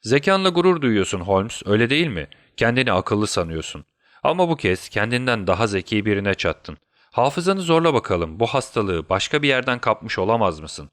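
A man's voice: on the low side, very animated, normal speed, fairly bright tone, no echo, studio quality. A man voicing a scheming, mocking villain doctor in a storybook reading, gloating and taunting.

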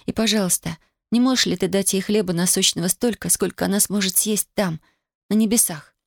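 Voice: medium pitch, fairly quick, creaky, no echo, pitched above the performer's own voice, lightly acted. A reader voicing a stubborn young woman grieving in wartime, in a dry studio audiobook recording. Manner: cold, insistent, pleading. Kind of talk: audiobook character voice.

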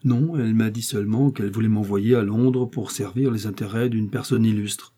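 Brief: male narrator as a gullible, eager shopkeeper, keen to please, husky low voice. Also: fairly even intonation, normal speed, mellow. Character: foolish, eager middle-aged male shopkeeper.

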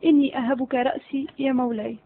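A woman reading the part of a cunning male servant who flatters his master. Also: sits high, quick pace, slight background noise. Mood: sly. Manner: flattering, sly. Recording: phone-like narrow audio.

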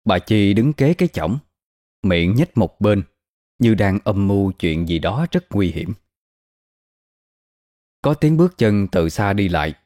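A man narrating a scripted horror story in a steady, measured way. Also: fairly low pitch, no echo, studio quality.

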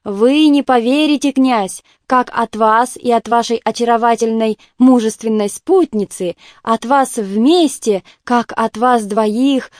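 A worldly, ironic male colonel who lands each word with deliberate emphasis, as a woman reads him in an audiobook. The tone is mellow and fairly high, with a dry, close sound. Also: no echo, close to an everyday voice. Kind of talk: audiobook character reading.

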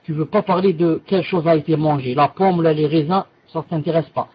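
High, husky man teaching a religious text. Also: brisk, muffled recording. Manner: explains patiently with repeated examples, switching between French and quoted Arabic. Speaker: Islamic teacher. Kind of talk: religious lesson explaining a classical text.

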